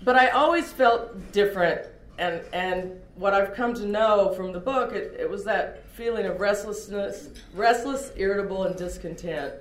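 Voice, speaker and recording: A mid-range female voice moves at a moderate pace with few pauses, belonging to a middle-aged woman from Oklahoma, USA. She is a recovery meeting speaker whose personal testimony is open and self-effacing, and the recording has the echo of a large room.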